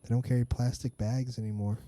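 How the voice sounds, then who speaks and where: A man's voice: medium pitch, level tone, brisk, mellow. A man hosting a podcast in casual chat, talking bluntly and swearing often. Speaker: podcast host.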